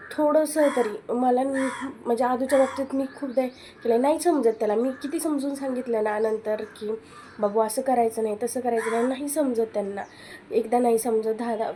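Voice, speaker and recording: A woman's voice: fairly high pitch, warm tone, a little hiss or hum. A young woman with a Marathi accent, talking candidly about her children and advising other mothers in a casual home vlog. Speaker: vlogger and mother.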